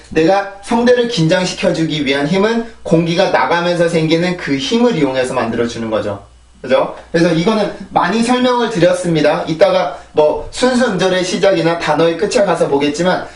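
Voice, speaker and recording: A man gives a pronunciation lesson in a somewhat high voice. He explains step by step and keeps checking in with his listeners. The sound is roomy and echoey, and he is a little away from the mic. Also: recorded from a distance. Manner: explains step by step, repeats drill sounds, asks "right?" often. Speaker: English pronunciation teacher.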